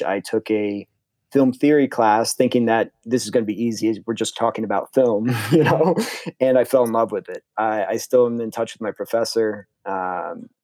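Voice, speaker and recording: This young Connecticut filmmaker rambles enthusiastically through an interview, frequently starting his sentences over. He has a lowish, slightly mellow voice, and the recording is dry.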